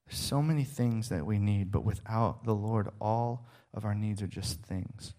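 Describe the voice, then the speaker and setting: A man's voice: lowish voice, unhurried, dark tone. A middle-aged man preaching a sermon, emphatic and rhetorical, often checking in with the listener.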